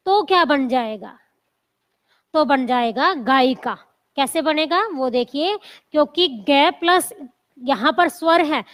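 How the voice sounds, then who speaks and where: A woman teacher giving an exam coaching lecture, spelling out word parts slowly and asking the class repeated questions. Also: high voice, a bit bright. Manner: slow, drawn-out syllable-by-syllable teaching with repeated questions.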